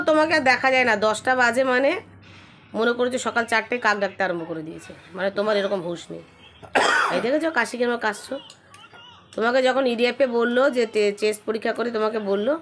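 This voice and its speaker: A woman's voice: medium pitch, slight background noise. A woman, chatting with her family at home in a casual vlog, teasing and scolding. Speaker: family vlogger.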